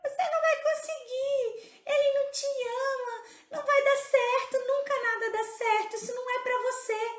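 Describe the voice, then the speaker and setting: A woman's voice: extremely high pitch, fairly even intonation, normal speed, few pauses, reverberant, voice pushed up. A woman putting on a whiny saboteur inner voice.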